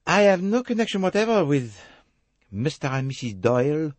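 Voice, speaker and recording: A man's voice: mid-range voice, big pitch swings, normal speed, breathy edge, no room sound, voice pushed up. Hercule Poirot, a man putting on a prim detective. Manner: precise, formal. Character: fussy, dignified little male detective, proud.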